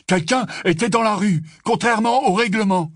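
A man putting on an officious dark-wizard guard who threatens and cites the rules, his voice raised a little higher than plain speech. The sound is dry. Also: normal speed, gravelly, no room sound, exaggerated voice.

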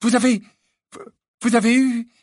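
A man voicing an excitable teenage witch girl in an audiobook, breathless and stammering. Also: extremely high pitch, measured pace, no room sound, clean studio sound, voice pushed up. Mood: excited. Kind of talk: audiobook character reading.

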